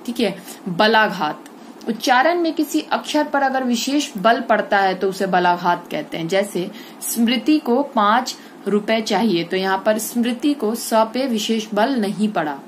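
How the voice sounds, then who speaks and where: A woman's voice: mid-range voice, expressive, a little slow, a little hiss or hum. Woman teacher explaining grammar step by step. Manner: explains step by step, asks and answers own questions. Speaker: school Hindi teacher. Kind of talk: online grammar lesson.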